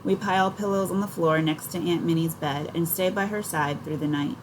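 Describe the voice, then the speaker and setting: A woman reads a first-person novel aloud in an even, storytelling manner. Her voice sits a little low. A faint noise floor hums under the reading. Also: brisk. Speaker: audiobook narrator. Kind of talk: first-person audiobook narration.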